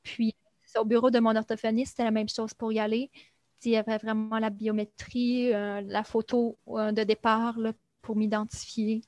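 Québécoise young woman chatting, kinda high voice, lots of "euh", dry close sound. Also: little pitch movement, moderate pace, a little mellow, no echo. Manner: chatty and explanatory, with many fillers. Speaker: guest recounting life in Brazil. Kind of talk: casual conversation.

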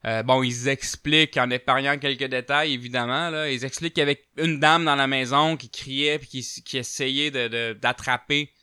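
A man with a Québécois accent casually telling a paranormal story, chatty with many fillers, getting loud at tense moments. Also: mid-range voice, steady tone, normal speed, few pauses, clean tone, dry recording, studio quality.

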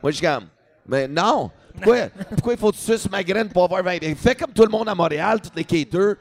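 A man's voice: high voice, lively intonation, a little fast. A man comedian with a Quebec French accent telling a story in a casual talk, switching into English and swearing freely.

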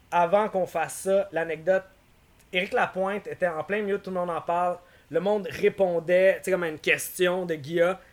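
A man in his thirties with a Québécois accent, a podcast guest who rambles through animated stories and mixes in English slang. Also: high voice. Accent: Québécois French. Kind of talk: casual podcast chat.

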